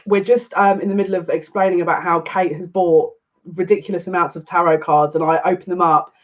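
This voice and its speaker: A man in his thirties, a psychic reader chatting casually on a live stream, excitable and rambling. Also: high-pitched, fairly quick. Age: 30s. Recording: dull lo-fi stream audio.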